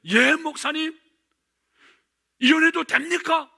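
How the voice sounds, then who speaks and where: Fuming middle-aged church deaconess, loud and agitated, as a male preacher puts her on; high, forceful delivery. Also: big pitch swings, measured pace, heavily acted. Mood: flustered.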